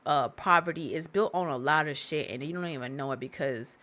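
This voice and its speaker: A woman's voice: deep voice, brisk, fairly bright tone. A woman hosting a solo podcast, giving candid, profane life advice in a rambling, preachy way and repeating herself for emphasis. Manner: talks straight to listeners, repeating herself for emphasis. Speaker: podcast host.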